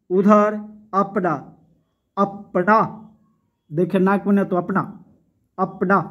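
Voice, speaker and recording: A man's voice: sits high, a little mellow. A man teaching a grammar lesson, explaining by asking his own questions and repeating each term. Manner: mixes Hindi with a Bhojpuri-like dialect, calls pupils "bauaa".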